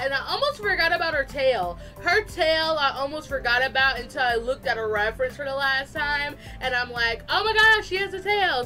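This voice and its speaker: Bright, high-voiced chatty woman vlogger. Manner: chatty, animated, self-deprecating. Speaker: artist and video host. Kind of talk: casual speed-drawing voice-over. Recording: fan blowing nearby, slightly distorted, music behind. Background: music and a fan running.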